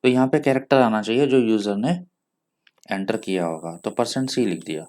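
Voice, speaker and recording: A man's voice: fairly low pitch, moderate pace, darkish tone. A man with an Indian accent teaching programming step by step in a screen-recorded coding tutorial. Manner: patient step-by-step explaining, mixes English terms.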